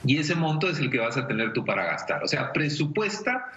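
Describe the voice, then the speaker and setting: A Peruvian-accented man in his forties gives personal finance advice as an expert on a TV segment, joining by video call from a room at home. He teaches conversationally, using everyday examples, in a medium-pitched, very animated voice that runs a little fast over a noisy crowd. The call audio is dull and echoey.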